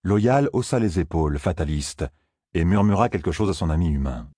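A man narrating a fantasy audiobook in a steady, even storytelling manner. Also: low-pitched, moderate pace, husky, no echo, studio quality.

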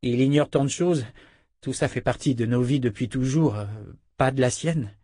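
A man's voice: medium pitch, moderate pace, mellow, dry recording, studio quality, close to an everyday voice. A man voicing a stern, commanding female inquisitor in a raised, scolding voice, in an audiobook.

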